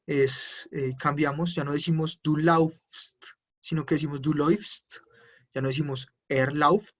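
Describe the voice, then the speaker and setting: Husky-voiced man teaching German. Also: on the high side, fairly bright tone, lo-fi sound. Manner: explains step by step, switching between Spanish and German drills. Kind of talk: online class explanation.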